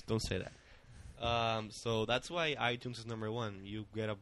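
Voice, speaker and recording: Male co-host, casual tech talk, halting delivery, faint noise bed, average pitch. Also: sing-song. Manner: halting, restarts often, laughs a lot. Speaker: podcast co-host. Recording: faint background noise, overmodulated audio.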